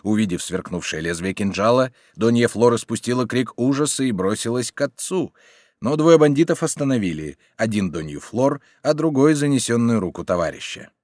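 A man reading a novel aloud in measured, expressive literary narration. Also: medium pitch, no room sound, clean studio sound. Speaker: audiobook reader.

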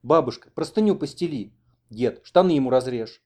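A man voicing a young woman who gives brisk, decisive orders. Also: medium pitch, expressive, a little mellow, lightly acted.

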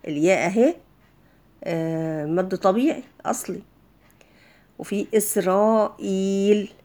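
A woman's voice: medium pitch, darkish tone. A woman with an Egyptian accent teaching a casual tajweed lesson, explaining rules step by step with many fillers and restarts. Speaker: Quran recitation teacher.

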